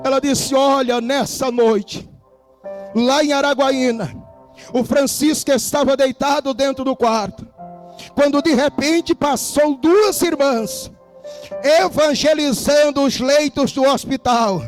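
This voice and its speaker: A Brazilian man preaching a Pentecostal sermon, telling a story dramatically and breaking into shouts. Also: extremely high pitch, slow pace, soft background music. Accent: Brazilian Portuguese.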